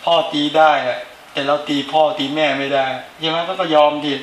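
Male Buddhist monk, informal dharma talk, conversational and keeps checking that listeners agree, voice a touch higher than usual, roomy echo. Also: flat delivery, normal speed, slight background noise. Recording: roomy echo with faint ambience.

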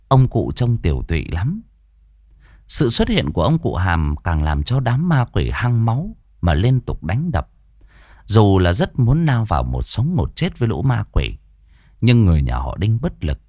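A man's voice: on the low side, a little mellow, no echo, clean studio sound. A man narrating a ghost story in a dramatic, suspenseful way.

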